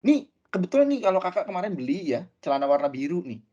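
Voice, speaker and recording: A man's voice: sits high, very animated, fast talker, a little mellow, dull audio, pitched above the performer's own voice. A man voicing a friendly shop sales assistant with sweet, coaxing sales patter.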